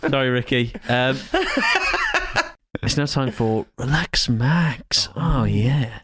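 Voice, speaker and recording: A man's voice: mid-range voice, takes it slowly, background noise. British man hosting a joking podcast. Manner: informal, joking. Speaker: podcast co-host. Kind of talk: casual comic podcast chat.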